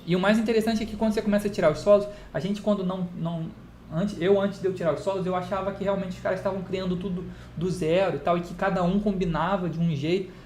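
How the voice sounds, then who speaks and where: A man's voice: sits high, fairly even intonation, fast talker, a little mellow. Brazilian man explaining in an echoey room. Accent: Brazilian Portuguese. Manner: explains with rhetorical questions and everyday examples, answering them himself. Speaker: guitar teacher. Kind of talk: casual spoken lesson to camera. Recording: echoey room with faint ambient noise.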